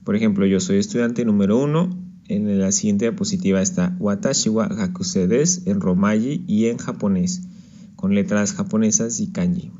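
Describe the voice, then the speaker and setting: A man's voice: lowish voice, moderate pace, dark tone, lo-fi sound. A man teaching a language lesson over slides, talking patiently and checking in with the listener. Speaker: Japanese teacher.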